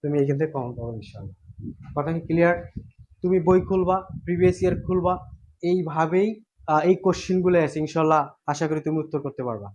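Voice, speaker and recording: A male teacher runs an online exam-prep class. His voice sits slightly high for a man. He talks casually, repeats key points and keeps asking his students whether they follow. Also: quick pace, darkish tone, muffled recording. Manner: repetitive, checks in with students often.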